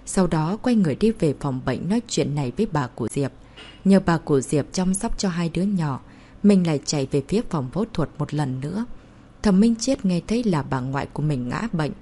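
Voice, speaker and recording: A woman narrating a novel as an audiobook in a steady storytelling manner. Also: low-pitched, fairly quick, slightly rough.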